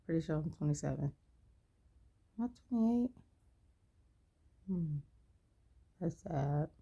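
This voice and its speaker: A woman's voice: low voice, animated, slow, gravelly, warm tone, slightly rough. A tired woman in her twenties talking candidly in a personal vlog, rambling and losing her train of thought. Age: 20s. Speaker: vlogger.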